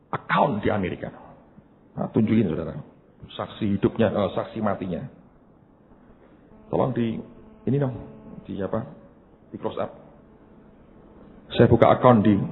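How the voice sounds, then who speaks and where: A Javanese-accented man in middle age preaches with lively, swinging intonation and emphatic asides to the congregation. His voice sits low and rings through a reverberant hall. The sound is narrow and phone-like with a faint hiss behind it. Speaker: pastor. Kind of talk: sermon.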